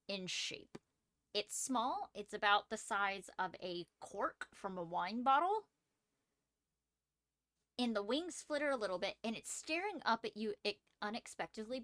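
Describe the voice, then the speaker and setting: A woman running a tabletop role-playing game as game master, narrating and answering players in an animated, conversational way. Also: mid-range voice, dry recording, studio quality.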